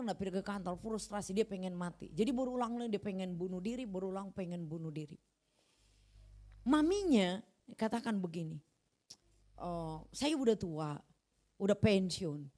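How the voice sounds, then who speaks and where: A woman pastor preaching a sermon in a church, telling a story and acting out the quoted dialogue. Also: mid-range voice. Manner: animated, acts out quoted dialogue.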